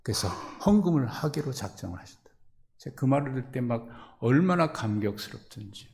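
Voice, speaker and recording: A middle-aged man preaching from the pulpit, his voice gravelly with a rough edge. He sits at an ordinary pitch for a man and breaks into loud, raised lines whenever he acts out what people might say. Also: lively intonation, brisk. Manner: acts out imagined quotes with sudden loud, high bursts. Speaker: pastor. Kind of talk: sermon.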